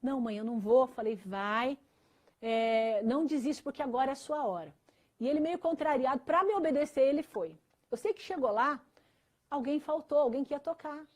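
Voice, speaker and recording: A woman's voice: sits high, brisk. A woman pastor with a Brazilian Portuguese accent, telling an earnest personal story in an interview, with many fillers. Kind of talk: testimony in a church interview.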